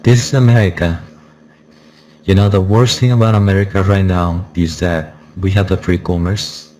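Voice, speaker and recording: This reviewer's voice-changed delivery sits low, steady, and warm at a normal speed. He talks casually about software but keeps pressing the same warnings to his listeners over some background noise.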